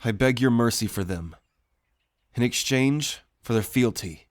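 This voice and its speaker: A man playing a loyal, solemn prince in an audio roleplay, speaking in a formal, measured, courtly way. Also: mid-range voice, no echo, clean studio sound, lightly acted.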